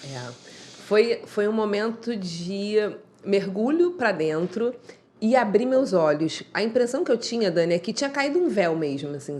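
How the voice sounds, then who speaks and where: Rich: A woman, probably in her thirties or forties, talks through her life story with earnest, reflective warmth. Her voice sits fairly high, and she slips into short spoken scenes as she tells it. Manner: earnest, reflective, acts out remembered dialogue. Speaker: podcast guest. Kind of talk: heartfelt conversational storytelling.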